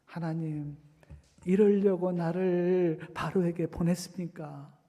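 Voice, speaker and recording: Man preaching as Moses: desperate pleading man, high strained voice, long church reverb. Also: steady tone, slow pace, dark tone. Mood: anguished pleading. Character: Moses, grown man pleading to God in anguish.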